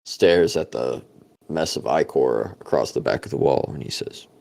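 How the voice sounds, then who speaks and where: A man narrating a tabletop game as dungeon master, talking in a relaxed way with many pauses and fillers. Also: very deep voice, creaky.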